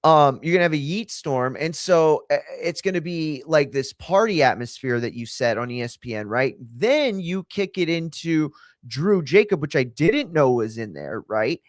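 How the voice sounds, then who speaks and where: A man co-hosting a late-night wrestling talk show, excitable and swearing freely in casual chat. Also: on the high side, moderate pace, no echo, clean studio sound. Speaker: podcast co-host.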